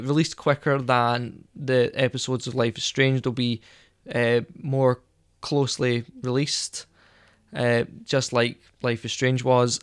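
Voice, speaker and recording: A man's voice: mid-range voice, clean tone, no echo. Man, podcast co-host, casual chat, rambling, filler-heavy, dry close sound. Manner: rambling, hesitant, many fillers.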